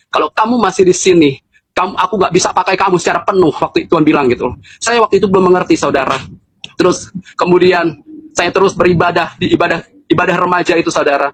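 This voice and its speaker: A man's voice: on the high side, fairly bright tone. A man telling his personal religious testimony in an earnest, conversational way, often turning to address his listeners directly. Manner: casual spoken fillers throughout.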